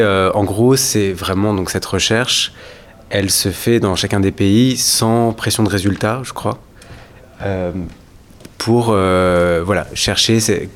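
Deep-voiced young actor, casual and eager. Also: male voice. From Paris, France. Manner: casual, enthusiastic. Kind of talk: casual interview.

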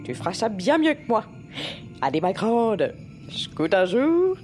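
A woman's voice: mid-range voice, very animated, a little slow, darkish tone, faint music behind. An actress playing a theatrical, bossy woman traveller who exclaims and complains in a French audio fiction. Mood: weary, cajoling. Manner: exclaiming, complaining, old-fashioned turns of phrase.

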